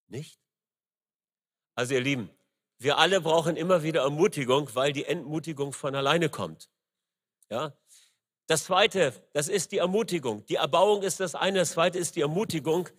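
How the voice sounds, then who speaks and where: A middle-aged man preaching a sermon, emphatic and rising loud on key words, with frequent fillers. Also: a little high, moderate pace, long pauses, husky. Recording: long reverb in a large hall.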